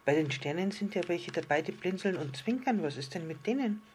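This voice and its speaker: A man voicing a curious, eager little star child in a storybook reading, full of excited questions. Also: sits high, a little fast, a little hiss or hum, pitched above the performer's own voice. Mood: wondering.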